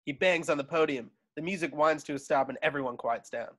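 On a video call from home, a man narrates a screenplay's stage directions with expression for a table read. His voice is a little high and a bit bright, and he moves along fairly quickly. The audio comes through the video call microphone.

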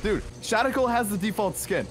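A man teasing a friend during an online game in a deadpan, mocking way. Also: high-pitched, a little fast, music in the background. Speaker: gaming friend. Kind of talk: teasing gameplay chat.

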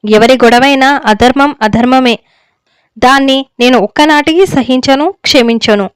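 Stern old village head lecturing his wife on duty, read by a woman, high smooth voice. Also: measured pace, no echo. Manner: stern, moralizing, unbending. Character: stern older village elder husband, righteous. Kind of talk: story reading.

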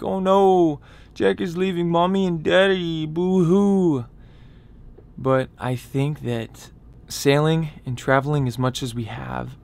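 A man's voice: medium pitch, gravelly. A young man talking casually and confidingly to the camera as a vlogger. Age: young adult. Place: small wood-panelled boat cabin. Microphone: camera close in front.

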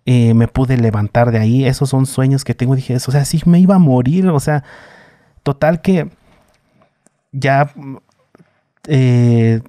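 Mexican man telling a story, dark voice. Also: medium pitch, a little slow, pauses often, no room sound, studio quality. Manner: animated retelling with slang and voices for others. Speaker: guest. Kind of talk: casual storytelling.

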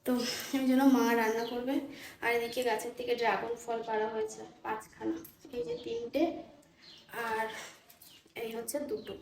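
Hoarse woman vlogging in an echoey room. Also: fairly high pitch, sing-song, normal speed, pauses often. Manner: chatty, addresses viewers as friends. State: hoarse from a sore throat. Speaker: lifestyle vlogger. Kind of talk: casual vlog chat to viewers.

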